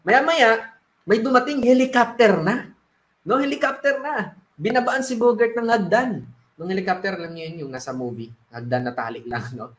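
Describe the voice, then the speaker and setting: A man's voice: high-pitched, normal speed. A man working as a sales coach, telling a parable in a conversational way with frequent tag questions. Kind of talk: storytelling lesson. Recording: roomy echo.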